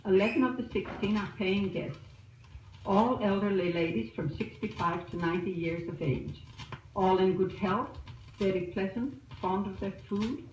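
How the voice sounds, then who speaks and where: A woman's voice: medium pitch, roomy sound, distant mic, muffled recording. Woman on a noisy old disc recording. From Australia. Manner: chatty, newsy storytelling. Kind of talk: spoken letter to family back home.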